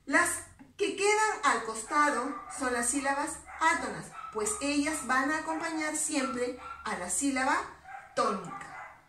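Woman teacher, high voice, unhurried, patient delivery for a children's class, recorded from afar in a noisy space. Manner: slow, patient, drawing out stressed syllables. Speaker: primary school teacher. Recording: roomy distant recording with steady background noise.

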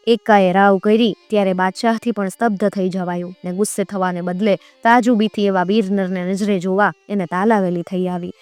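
A woman narrating a dramatic historical folk tale, lending the story an expressive voice. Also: medium pitch, dry recording. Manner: expressive, raises voice for shouted lines.

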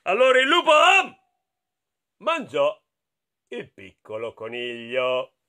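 A man from Italy reading a picture book aloud to children, playful and animated, inviting them to join in. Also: a little high, unhurried. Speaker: children's storyteller.

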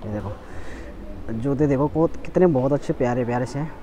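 A young man talks chattily while he walks and films on a phone, pointing out shops to his viewers. His voice sits at an ordinary middle pitch. Steady background hiss and ambient hum run under the audio. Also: a little fast. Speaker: vlogger. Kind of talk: walking tour vlog. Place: indoor shopping mall, open galleries. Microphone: phone camera held while walking. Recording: noisy phone audio with street and mall ambience.

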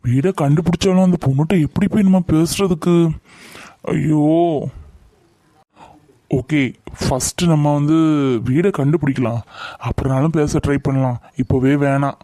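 A fretful young city man, voiced by a man, mutters to himself and drops English words. His voice sits a bit high and sounds dry and close. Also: normal speed, pauses often, dark tone, no echo, natural voice.

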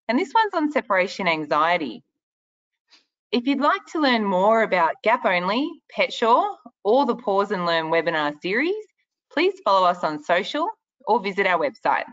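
A woman's voice: medium pitch, fairly bright tone. A woman moderating a webinar, reading questions and closing remarks in a polite, scripted way. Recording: dull lo-fi web call audio.

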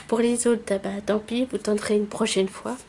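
A woman's voice: medium pitch, flat delivery, warm tone, a little hiss or hum. A woman YouTuber casually announcing giveaway winners, hesitant and full of fillers. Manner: slow, hesitant, many fillers. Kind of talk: casual vlog chat.

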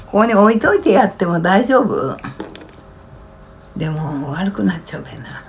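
Creaky-voiced elderly Japanese woman, flustered. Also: medium pitch, sing-song, moderate pace. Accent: rural Kanto Japanese dialect. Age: elderly, about 80s. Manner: flustered, plaintive grumbling to herself. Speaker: livestreamer. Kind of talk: casual livestream chat, muttering and reading out comments. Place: small cluttered home kitchen-dining room, indoors. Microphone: handheld phone close to the face. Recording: faint room noise, handheld phone.

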